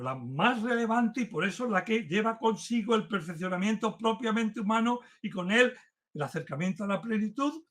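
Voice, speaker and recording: A man giving an earnest philosophy lecture, speaking with growing emphasis as he warms to his subject. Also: sits high. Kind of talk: university-style lecture. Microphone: remote talk to a virtual audience.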